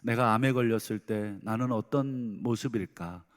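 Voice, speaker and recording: A man's voice: fairly low pitch, moderate pace. Earnest middle-aged male pastor preaching. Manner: earnest, swings between soft pleading and loud emphatic bursts. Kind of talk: sermon. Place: church sanctuary. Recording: reverberant church hall.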